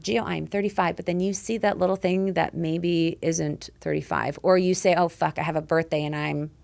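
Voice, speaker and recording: A woman in her forties, a lifestyle coach guesting on a podcast, talking in an emphatic, animated way and swearing freely. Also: lowish voice, normal speed, vocal fry. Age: 40s. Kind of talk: casual conversational interview.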